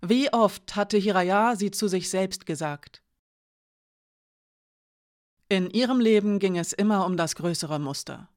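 A woman narrating a novel aloud in a calm, measured style. Her voice sits at an ordinary middle pitch and moves steadily through the prose. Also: no echo, clean studio sound. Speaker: audiobook narrator. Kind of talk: scripted narration.

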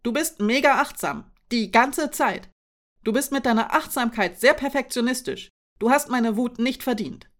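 A woman's voice: on the high side, normal speed, pitched above the performer's own voice, natural voice. Woman voicing an angry frustrated woman, raised and heated.

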